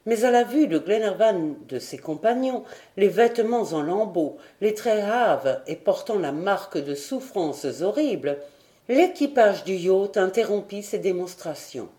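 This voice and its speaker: A woman narrating a classic adventure novel as an audiobook, in a measured, steady reading. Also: medium pitch. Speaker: audiobook reader.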